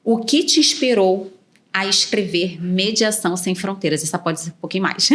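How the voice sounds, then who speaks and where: A woman's voice: mid-range voice, moderate pace, a bit bright. A woman hosting a podcast, making short backchannel remarks and asking friendly questions. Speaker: podcast host. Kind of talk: casual podcast interview.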